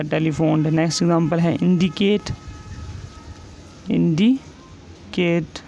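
A man teaching shorthand, explaining each rule step by step and patiently repeating every example word slowly. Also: on the high side, darkish tone. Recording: dull lo-fi sound with faint hiss.

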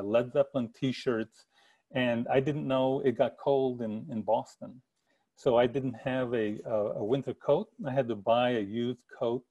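Telling personal stories for a book talk, this middle-aged author from around El Paso, Texas, joins a video call through earbuds from his home attic. His mellow voice sits at medium pitch and the recording is muffled; he's earnest, gestures often, and keeps restarting sentences.

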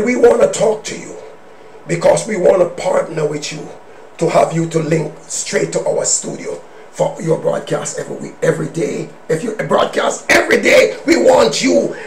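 A male minister preaching a personal testimony in a church service, with emphatic swings between hushed asides and shouted declarations. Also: high voice, vocal fry. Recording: roomy echo.

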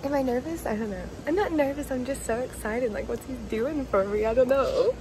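A woman's voice: high voice, a little fast, background noise. A young woman vlogging in a casual, gushing, emotional way. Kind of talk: casual vlog talk.

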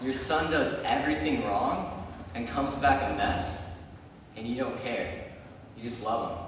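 A young preacher with a medium-pitched, slightly slow voice delivers a casual, chatty sermon in a church sanctuary, telling stories full of ums and likes. He's recorded from far off in an echoey church hall, with slight background noise.

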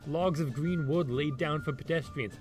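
A man's voice: a little high, moderate pace. A man who says his r like w, giving sarcastic, exasperated commentary as an opinionated critic who swears. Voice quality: rhotacism, r sounds like w. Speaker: video essay critic. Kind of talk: opinionated ranting video commentary. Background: music behind the voice.

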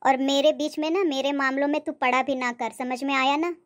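Mean second wife cartoon voice, played by a woman, high pitched, sneery and bossy. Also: steady tone, a little fast, natural voice. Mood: sneering. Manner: sneering, insulting, commanding. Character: spiteful young second wife, haughty and bossy.

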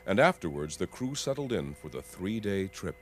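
A man's voice: sits low, big pitch swings, normal speed, a little hiss or hum. A man reading scripted narration for a documentary.

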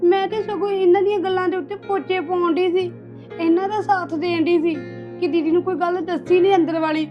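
A woman playing a tearful young bride, very high voiced. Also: fairly even intonation, fairly quick. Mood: hurt. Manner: pleading, tearful. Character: tearful young newlywed bride, wronged and pleading. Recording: dull lo-fi sound with music behind.

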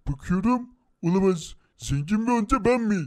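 An excitable young racer in a Minecraft cartoon, played by a man, full of gasps and cries of surprise. His voice sits high and bright for a grown man. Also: normal speed. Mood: excited. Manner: excitable, gasps and laughs often. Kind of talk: Minecraft animation voice acting.

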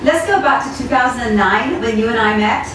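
A woman's voice: fairly high pitch, brisk, noisy background. Woman, 40s, interview host, effusive, chatty, ums, very echoey room, distant mic. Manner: effusive, enthusiastic, many ums. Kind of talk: conversational interview. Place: studio set with red wall.

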